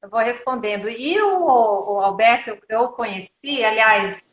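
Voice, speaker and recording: A woman from Brazil, a travel journalist, joining a live stream from her phone. Her voice is a little high and sounds echoey, as if she is in a bare room. She chats in a lively way and speaks directly to her followers. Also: unhurried, highs cut off. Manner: chatty and lively, addresses followers. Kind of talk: casual live-stream conversation.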